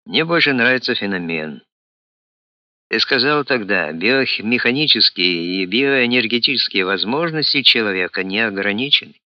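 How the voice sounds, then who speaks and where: A man's voice: on the low side, animated, normal speed, no echo, dull audio, lightly acted. A man voicing a middle-aged professor and doctor with a wry, teasing, mildly scolding manner.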